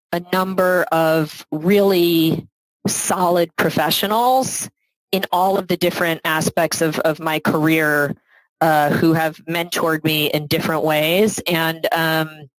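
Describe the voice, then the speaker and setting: Lower-voiced middle-aged woman, reflective. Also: steady tone, slow pace, low-quality recording. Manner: reflective, adds frequent "right?" tag questions. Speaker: guest, philanthropy advisor. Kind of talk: conversational podcast interview.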